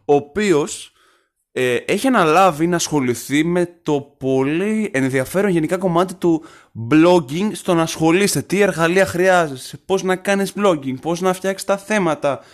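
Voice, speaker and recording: A young man from northern Greece co-hosting a podcast in casual chat, teasing and often restarting his sentences. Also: on the high side. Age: young adult. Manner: chatty, teasing, trails off and restarts. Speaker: podcast co-host.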